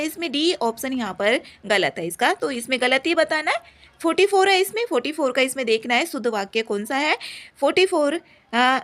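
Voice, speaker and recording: A young woman teacher briskly going through exam answers one by one, repeating each point as she explains. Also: high voice, a bit bright.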